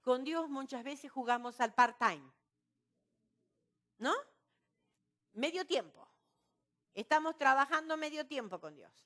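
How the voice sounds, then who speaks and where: A woman preaching a sermon at a women's retreat, lively and often asking her listeners rhetorical questions. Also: high-pitched, takes it slowly, long pauses. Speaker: retreat speaker.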